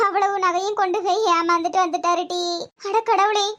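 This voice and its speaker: A woman voicing a scolding, anguished middle-aged wife and mother in a comedy cartoon, with a Tirunelveli Tamil accent and a shrill, wailing manner. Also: fairly even intonation, a little fast, a bit bright.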